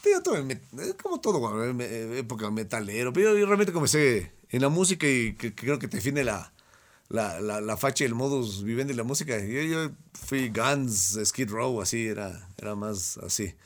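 A man's voice: medium pitch, very animated, normal speed. Man guesting in a loose chat; rambles, jokes at his own expense, laughs a lot. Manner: rambling, self-mocking, laughs often. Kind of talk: casual chat.

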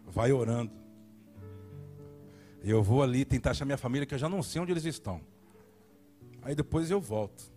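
A male pastor preaching a sermon, telling a comic story in an animated way. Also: medium pitch, fast, soft background music.

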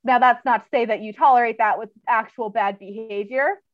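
A woman's voice: a little high, steady tone, fairly quick, no echo. A woman who trains dogs, speaking as an interview guest in a casual, chatty way, full of fillers and laughter, on slightly dull audio.

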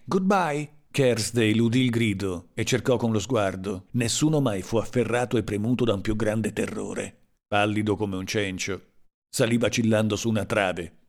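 A man reading a literary story aloud in a slow, dramatic and measured way. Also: fairly low pitch. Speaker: audiobook narrator. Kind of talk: scripted literary narration.

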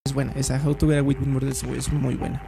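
A man's voice: medium pitch, level tone, creaky, music in the background. A man with a Mexican Spanish accent, chatting casually and profanely about TV series he recommends. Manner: slangy and profane, slow and deliberate when recommending. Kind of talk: casual chat reviewing TV series.

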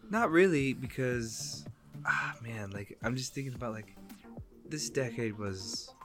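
A man's voice: mid-range voice, unhurried, vocal fry, music in the background. A young man co-hosting a casual podcast, talking in a rambling way, restarting and repeating words as he thinks aloud. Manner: rambling, self-correcting, often repeats words. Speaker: podcast co-host. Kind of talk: casual chat.

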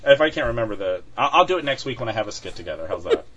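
A man's voice: fairly low pitch, sing-song, rapid-fire, background noise. A man co-hosting a podcast in casual chat, talking with many fillers and restarts and laughing often. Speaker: podcast co-host. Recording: dull lo-fi sound.

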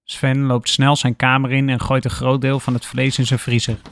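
A man narrating a scripted story in a calm, even storytelling manner. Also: mid-range voice, normal speed.

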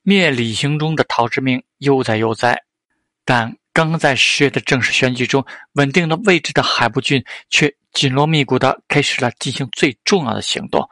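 A man reading a novel aloud as an audiobook narrator, in steady scripted narration. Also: mid-range voice, normal speed, no room sound.

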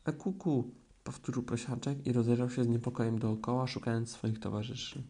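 A man narrating a children's storybook in a gentle storytelling manner. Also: medium pitch, flat delivery, quick pace. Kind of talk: children's audiobook reading.

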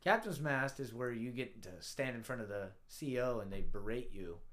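A man's voice: medium pitch, animated, moderate pace, fairly bright tone. A man casually telling a rowdy story from his Navy days, swearing freely and acting out the dialogue.

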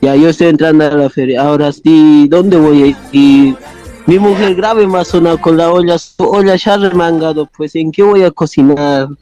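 A man's voice: a little high, moderate pace, muffled recording, lightly acted. A man playing a worried husband who rambles anxiously while shopping at a market in a radio comedy skit. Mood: fretful. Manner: fretful, rambling complaints. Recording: loud music behind voice.

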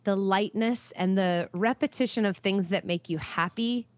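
A woman's voice: medium pitch, moderate pace, no room sound. A woman in a middle register chats playfully with her co-host and rambles through loose, self-correcting sentences. Her voice is close and dry, with no room sound at all. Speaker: podcast co-host. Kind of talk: casual chat.

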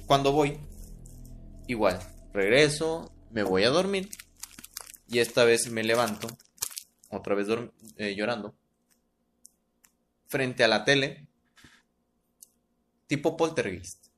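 A man's voice: medium pitch, expressive, slow pace, long pauses, a bit bright, slight background noise. A man with a Mexican accent, telling a creepy childhood story in casual chat and often checking in with his listener. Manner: tells a spooky tale, checking in with "¿no?" and "¿verdad?". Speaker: podcast storyteller.

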